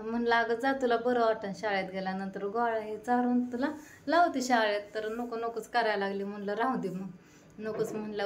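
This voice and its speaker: Chatty mother telling her morning. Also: medium pitch. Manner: chatty storytelling, quoting herself and her children. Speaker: vlogger and mother. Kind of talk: casual home vlog narration. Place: home.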